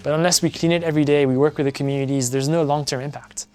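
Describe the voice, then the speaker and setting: Young guy from france, earnest interview talk, bit higher voice, soft music behind. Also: fairly even intonation, racing, clean tone. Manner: earnest, with frequent fillers and restarts. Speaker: guest, environmental activist. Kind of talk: conversational interview.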